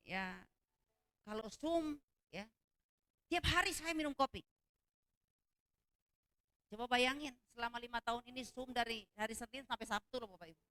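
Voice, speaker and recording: Bright, loud-talking woman pastor. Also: on the high side, no room sound. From outside Java. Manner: loud, animated storytelling with frequent "hallelujah". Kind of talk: sermon.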